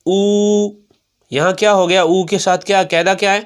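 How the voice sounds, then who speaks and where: A man with a Pakistani Urdu accent teaching Quran pronunciation. He drills syllables slowly with repeated examples, asks questions and answers them himself, and stretches out the words he recites. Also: sits high, level tone, clear, resonant tone.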